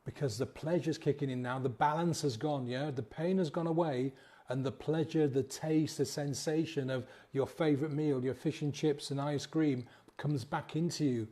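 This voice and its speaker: A man's voice: fairly high pitch, fairly even intonation, normal speed, warm tone. A man in a casual motivational talk as a sobriety coach, acting out inner voices and checking in with "yeah?". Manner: conversational, acts out inner voices, frequent "yeah?" tags.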